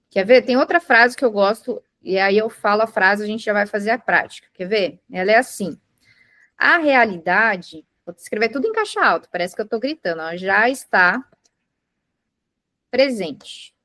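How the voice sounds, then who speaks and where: In a mid-range, expressive voice, a woman teaches mindfulness at a brisk pace to a live group indoors, using everyday examples, explaining patiently and asking the class questions. Her tone is fairly bright, and the studio-quality audio has no echo.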